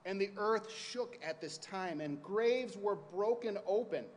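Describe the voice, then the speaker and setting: A man's voice: sits high, a little slow. A man preaching with passion and drama, like a lawyer giving a closing argument to a jury. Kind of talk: sermon framed as a courtroom closing argument. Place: large reverberant room, addressing a congregation. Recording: reverberant hall with some noise.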